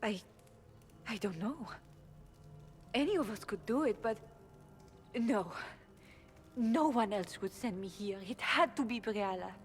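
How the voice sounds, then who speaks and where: A woman's voice: medium pitch, lively intonation, measured pace, long pauses, faint music behind, natural voice. A woman playing a bitter, guarded elven servant and informant in a video game. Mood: guarded, uneasy. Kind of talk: video game dialogue acting.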